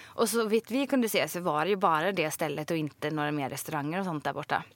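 A woman's voice: low voice, no room sound. Chatty woman telling a story in a dry studio. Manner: lively storytelling with quoted retorts. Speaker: podcast co-host. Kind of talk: casual chat. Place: podcast studio.

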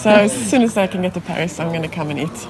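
A woman's voice: lowish voice, rapid-fire, crowd noise, low-quality recording. A woman who is a native Swedish speaker, hosting a podcast in a casual, conversational interviewing style.

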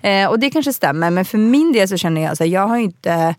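A woman's voice: medium pitch, expressive, no echo, studio quality. A woman co-hosting a parenting podcast, talking in a casual, chatty way with frequent fillers and laughs. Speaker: podcast co-host. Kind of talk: casual chat.

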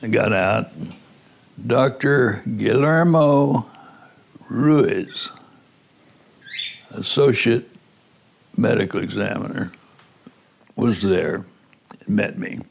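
Slow, gravelly older man recalling events. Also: lowish voice. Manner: slow, deliberate, searching for words. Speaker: former prosecutor. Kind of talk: recounting in an interview.

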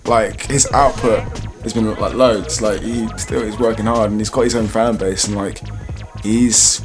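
A man's voice: on the low side, fairly even intonation, measured pace, over music. A British-accented man chatting casually, enthusiastic and given to swearing. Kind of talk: casual chat.

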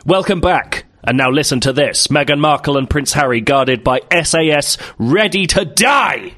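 Guy doing a jokey podcast, reads tabloid bits out loud, voice jumps all over the place. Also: a little high, expressive, normal speed, faint music behind. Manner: riffing, laughs often, mock-dramatic readings. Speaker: podcast co-host. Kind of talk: comedic casual chat, reading news aloud.

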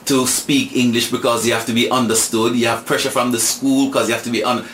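A man's voice: mid-range voice, little pitch movement, brisk, fairly bright tone. A man from Jamaica talking reflectively and casually as an interview guest, repeating phrases for emphasis. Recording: roomy echo, clear background noise.

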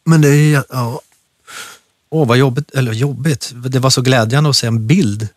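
A man co-hosting a casual podcast, speaking emotionally in halting restarts. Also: medium pitch, darkish tone, no echo, clean studio sound. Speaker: podcast co-host. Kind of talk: casual chat.

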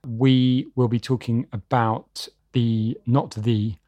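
A man co-hosts a culture podcast in relaxed conversation. His voice is mellow and dark, at a middle pitch. He talks haltingly, restarting phrases and slipping in dry asides, recorded close and dry. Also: no echo. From England. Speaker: podcast co-host. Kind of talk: casual chat.

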